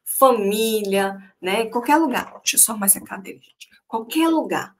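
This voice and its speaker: A woman's voice: on the high side, animated, normal speed. A middle-aged woman teacher giving an online lecture to her students, speaking conversationally and often checking in with them, recorded on a computer microphone.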